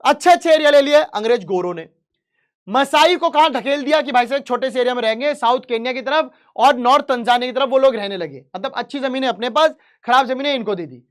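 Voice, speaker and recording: A teacher giving a history lesson in mixed Hindi and English, reading English lines slowly and explaining them quickly with playful asides to the students. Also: high voice. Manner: reads English lines slowly, then explains fast in chatty Hinglish; playful asides and jokes, addresses students directly.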